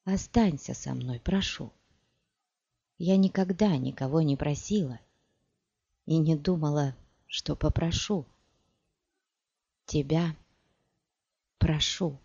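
A woman voicing a proud, scornful sorceress who speaks in a sharp, biting, mocking way, in an audiobook. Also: on the low side, very animated, unhurried, no room sound. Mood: pleading. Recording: dull dry recording.

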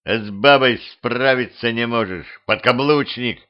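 A man's voice: mid-range voice, measured pace, dull audio, close to an everyday voice. A man voicing a blunt, contemptuous colonel who speaks with scorn. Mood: scornful. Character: gruff contemptuous male colonel.

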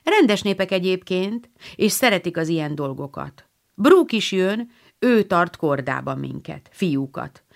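A woman's voice: fairly low pitch, lively intonation, creaky. Brief: a woman voicing a cheerful, playful boy neighbor in a storybook. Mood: jaunty. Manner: jaunty, playful.

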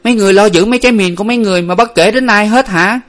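A man reading a storybook aloud, voicing a bossy, fierce young woman who is the eldest sister, with a sharp, scolding manner. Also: a little high, fast talker, voice pushed up, close to an everyday voice. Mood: frantic.

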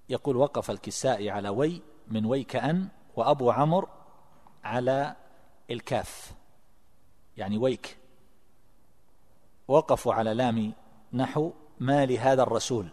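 A man teaching a religious text, reading passages aloud and explaining them in a measured lecturing manner. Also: mid-range voice, darkish tone, long reverb tail. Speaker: sheikh teaching a classical text. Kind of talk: religious lesson explaining a treatise. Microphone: amplified lecture microphone.

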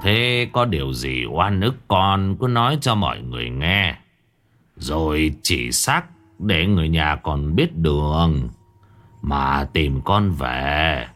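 A man voicing an old ritual master who questions slowly and deliberately, calm and stern. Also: sits low, full character voice. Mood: grave calm.

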